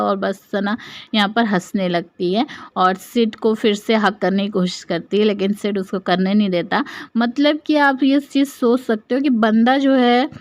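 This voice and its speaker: A woman's voice: medium pitch, no echo. Woman, casual recap narration, lots of fillers, dry close sound. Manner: retells scenes with quoted lines, frequent fillers.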